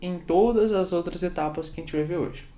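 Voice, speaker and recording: A man's voice: high voice, a little fast, dark tone. A young man giving a casual online English lesson, upbeat and drilling numbers for the viewer to repeat. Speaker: English teacher. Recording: echoey room with faint music.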